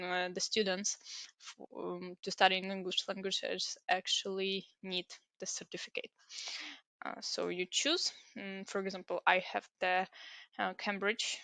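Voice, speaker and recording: Her medium-pitched voice gravelly and sharp in tone, the young woman, a native Ukrainian speaker, guides viewers through an online application on a screen recording. She goes step by step, often hesitating and filling pauses. No room sound is present.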